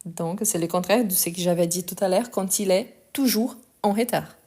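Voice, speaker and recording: A woman's voice: lowish voice, moderate pace, warm tone, slightly rough. Woman teaching a live French lesson. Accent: non-native accent in French. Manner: explains patiently, checks in with "ok?"; tends to speed up while talking. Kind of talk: live online language lesson.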